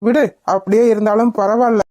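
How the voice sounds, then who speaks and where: A woman voicing a soft-hearted middle-aged father in a cartoon, soothing and pleading. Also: fairly high pitch, steady tone, a little fast, no room sound, lightly acted. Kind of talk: cartoon voice acting.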